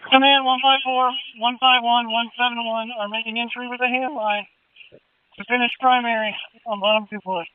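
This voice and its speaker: A man's voice: extremely high pitch, flat delivery, moderate pace, clean tone, no echo. A man working as a firefighter, sending terse status reports over a two-way radio. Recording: noisy, distant, tinny two-way radio.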